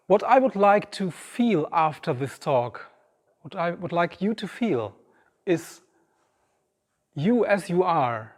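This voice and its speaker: A man's voice: high voice, very animated, slow pace, long pauses. A man giving a reflective, personal inspirational talk on stage, speaking directly to the audience. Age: 50s. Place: large auditorium stage. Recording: long reverb of a large hall.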